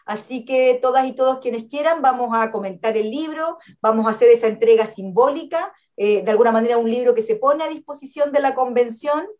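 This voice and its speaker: A woman's voice: a little high, a little fast, hardly any pauses, a little mellow. A woman academic, a guest on a radio interview, explaining ideas earnestly and often adding "¿no?" or "¿cierto?" to check in with the listener. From Chile.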